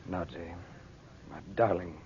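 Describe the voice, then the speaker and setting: An actor playing an earnest, ardent magician hero in love, speaking in an intimate, measured way in the manner of a 1940s radio serial. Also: male voice, darkish tone, breathy edge, full character voice. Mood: tender, pressing. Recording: muffled, noisy vintage radio recording with rumble.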